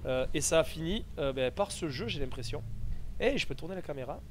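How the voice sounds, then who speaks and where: A man's voice: on the high side, animated, brisk, a little hiss or hum. A man doing casual live gameplay commentary and chatting with his viewers. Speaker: game streamer. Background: game audio.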